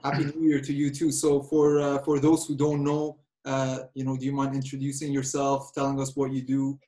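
A man's voice: medium pitch, completely flat delivery, normal speed, mellow. A man hosting an interview, chatting casually and stumbling as he starts his sentences. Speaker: interview host.

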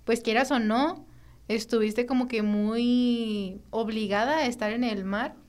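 A woman's voice: fairly high pitch, fairly even intonation, a little slow, a little mellow. A young woman, hosting a podcast in casual chat, reflecting back on her guest's stories. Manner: supportive, reflective interjections. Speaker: podcast host.

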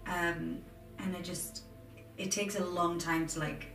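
A woman's voice: fairly low pitch, flat delivery, measured pace, fairly bright tone. A woman in her twenties with a Durham accent from north-east England, chatting casually as an interview guest. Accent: Durham, north-east English. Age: 20s. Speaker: interview guest, aspiring film and TV editor. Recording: roomy, distant mic, music underneath.

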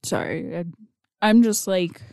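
Sleepy, tipsy woman podcaster, slow and laughing. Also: fairly low pitch, dry recording. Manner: laughs often, relaxed banter. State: tired and tipsy. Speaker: podcast co-host. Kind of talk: casual chat.

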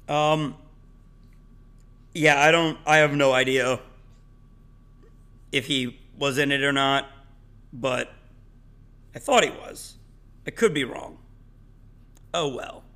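A man co-hosting a podcast in casual chat, animated and opinionated, swearing freely, his voice cracking today. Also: medium pitch. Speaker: podcast co-host.

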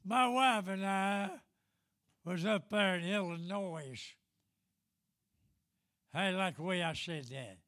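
A man's voice: sits high, a little slow, sharp tone, no echo, studio quality. An elderly man preaching a fervent Pentecostal-style sermon in an emphatic, repetitive, folksy way. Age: 70s or older.

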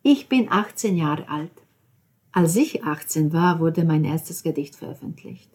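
Woman reader voicing an enthusiastic, lecturing young poet, a bit low and breathy. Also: animated, measured pace, a little mellow. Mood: earnest. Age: young adult. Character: young man, eager know-it-all poet.

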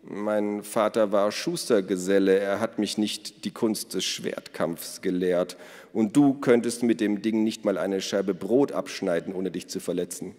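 A man voicing a calm, wry father with a dry way of talking, in a storybook reading with long reverb. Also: lowish voice, measured pace, close to an everyday voice.

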